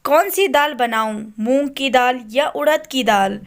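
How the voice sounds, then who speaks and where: A woman's voice: high-pitched, measured pace. A woman voicing a polite young daughter-in-law in a storybook, respectfully asking questions. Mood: dutiful. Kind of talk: storybook character voice.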